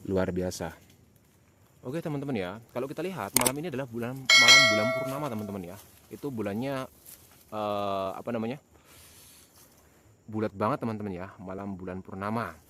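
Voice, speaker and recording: Low-voiced man vlogging outdoors at night. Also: brisk, pauses often. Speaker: host of a night exploration vlog. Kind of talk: casual vlog narration while walking. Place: outdoors in an overgrown plantation at night. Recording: clearly noisy outdoor night recording. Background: night animal and nature sounds.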